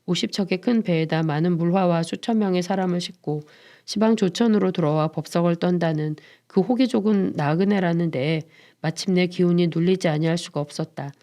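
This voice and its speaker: A woman narrating a classic novel aloud as a volunteer reader, in a measured storytelling manner. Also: fairly low pitch, mellow. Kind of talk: literary book reading.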